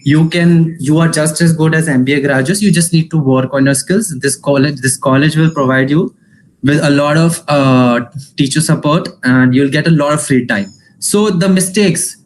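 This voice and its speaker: On a rough recording with a little hiss or hum, a twenty-something alumnus with an Indian accent leads an informal online info session about careers. His slightly high voice moves quickly, he blends in Hindi phrases and frequently starts sentences over.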